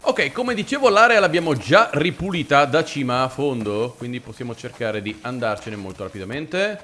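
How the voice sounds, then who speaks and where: A man's voice: mid-range voice, animated, moderate pace, sharp tone. A man giving casual, jokey let's-play commentary, talking to his viewers and to the game characters. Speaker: gaming channel host.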